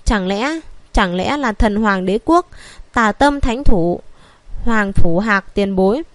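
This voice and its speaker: A woman's voice: mid-range voice, expressive, slow pace, no room sound. A woman reading an audiobook voices a male physician who speaks to the healer with great deference. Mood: awestruck. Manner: very respectful, deferential.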